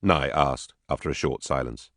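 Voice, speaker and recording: A man narrating an audiobook in a steady, even reading voice. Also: very deep voice, moderate pace, dry recording, studio quality. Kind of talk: scripted narration.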